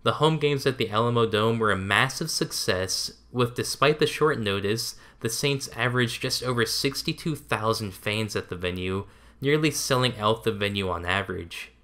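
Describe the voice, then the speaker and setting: A man reading scripted documentary narration in an even, measured way. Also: lowish voice.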